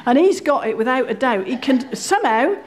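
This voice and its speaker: A woman's voice: high-pitched, very animated, fairly quick. A woman telling a wry, self-deprecating comic story live on a theatre stage. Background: audience laughter.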